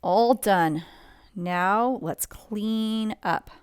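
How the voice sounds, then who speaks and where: In a clean, dry studio recording, a woman with a mid-range, clear-toned voice reads a picture book aloud at bedtime. She takes her time and keeps it conversational, pointing out details and asking the listener questions along the way.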